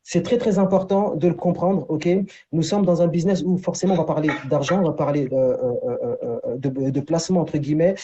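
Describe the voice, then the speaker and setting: A man's voice: on the high side, brisk, hardly any pauses, mellow, lo-fi sound, a little hiss or hum. A man presenting a business opportunity on a video call, talking in a loose way with many fillers, checking in with "d'accord". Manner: repeats "d'accord" and "entre guillemets", many fillers. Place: Paris.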